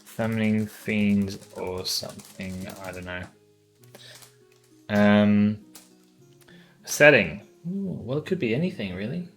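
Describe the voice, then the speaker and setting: Male streamer, unhurried and low, muses aloud with frequent pauses over quiet music. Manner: hesitant, thinking aloud with many ums. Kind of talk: casual livestream brainstorming.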